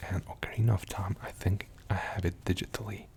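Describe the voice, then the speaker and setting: Young male ASMR host, soft rambling whisper, low and gravelly, mostly breath with little voice. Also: little pitch movement, brisk. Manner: soft, rambling, with many fillers. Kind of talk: whispered ASMR game show-and-tell.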